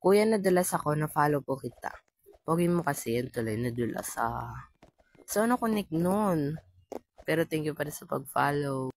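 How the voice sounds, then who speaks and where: A man's voice: on the high side, a little hiss or hum. A man with a voice that sounds like a woman's, reading viewer comments aloud in casual chat and answering them with playful, teasing quips. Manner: playful, teasing, quick deadpan replies. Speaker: gaming content creator. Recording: clear background music. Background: music playing under the voice.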